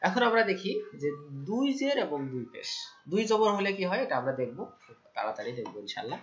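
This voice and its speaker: A man teaching Quran recitation rules, asking his own questions, answering them, and reciting verses slowly and loudly. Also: high-pitched, big pitch swings, highs cut off. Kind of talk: Quran tajweed lesson.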